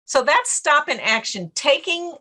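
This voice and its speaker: A woman's voice: sits high, lively intonation, measured pace, bright, forceful tone. A middle-aged woman, a guest on a podcast interview, who talks about stress and acts out her own inner voice as she tells stories. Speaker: guest author and stress coach.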